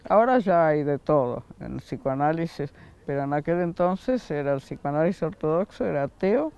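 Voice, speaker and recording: An older man from Argentina with an Argentine accent, unhurried in the interview and often laughing softly. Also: on the high side, expressive, creaky, smooth. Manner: unhurried, with frequent soft laughs. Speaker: interviewee, founder of a school. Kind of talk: reflective interview answers.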